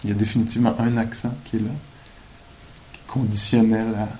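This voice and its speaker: A man giving a dharma talk at a meditation retreat, thoughtful and gently joking, pausing often with fillers. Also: lowish voice, little pitch movement, a little hiss or hum, poor audio. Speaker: meditation teacher.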